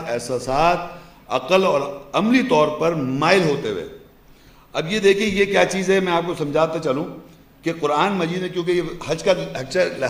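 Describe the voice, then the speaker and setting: A man's voice: fairly high pitch, echoey room. A man giving a religious lecture, chanting verses and then explaining them with emphatic rhetorical questions. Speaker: Islamic lecturer.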